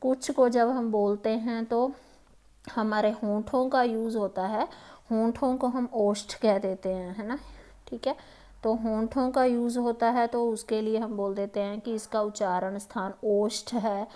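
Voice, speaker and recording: A woman with a Himachali Hindi accent teaches exam grammar in a patient, unhurried way, often pausing and checking that the listener is following. Her voice sits a little high, and she takes her time over each point. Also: steady tone, dark tone. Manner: patient, repeats "ठीक है" and "है ना", many hesitations. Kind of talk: explaining Hindi grammar questions.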